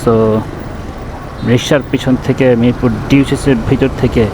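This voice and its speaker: A man with a Bangladeshi accent chats casually with his viewers as a ride-share vlogger, speaking from inside his helmet while riding a motorbike through city streets. His mid-range voice holds fairly flat in pitch at a moderate pace. A helmet-mounted camera records him, and traffic and vehicle noise come through clearly.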